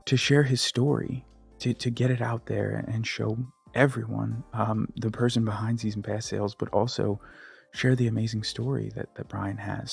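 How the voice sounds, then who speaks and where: A man hosting a podcast interview, thanking his guest and telling a story in a relaxed, chatty way. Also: lowish voice, vocal fry, breathy edge. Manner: relaxed storytelling, acts out quoted lines. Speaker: podcast host. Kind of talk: casual interview chat.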